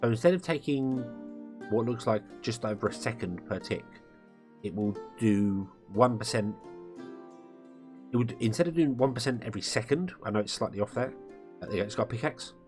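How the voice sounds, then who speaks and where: Brief: male game streamer thinking aloud as he plays, music clearly audible behind. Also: medium pitch, fairly quick, darkish tone. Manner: rambling, thinking aloud with fillers. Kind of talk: live gameplay commentary. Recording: music playing under the voice. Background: guitar music.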